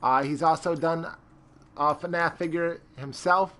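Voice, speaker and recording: A man's voice: fairly high pitch, steady tone, unhurried, fairly bright tone. A man streaming a character-creation game, rambling with lots of fillers and greeting chat viewers. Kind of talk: casual live-stream commentary.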